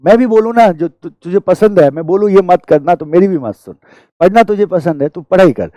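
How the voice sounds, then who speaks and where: An Indian man teaching a class, his voice a little higher than most men's and mellow in tone. He tells stories in a chatty, easygoing way and drops English phrases into his talk. The sound is dry and close, with no room echo. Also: expressive, a little fast. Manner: chatty storytelling, mixing Hindi with English phrases. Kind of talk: online class lecture with anecdotes. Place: online class recording.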